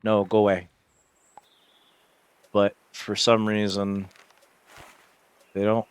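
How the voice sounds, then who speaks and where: A man's voice: lowish voice, monotone, slow pace, clean tone, no room sound. A man hosting a livestream, chatting casually over a game in a rambling, reflective way and often searching for words. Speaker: livestream host. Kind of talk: casual livestream chat while gaming.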